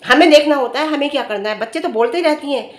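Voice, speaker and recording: In a reverberant recording, a middle-aged woman vlogger speaks straight to the camera in a high, fast voice, commenting on another family's dispute. She lectures earnestly and scolds, leaning on rhetorical questions.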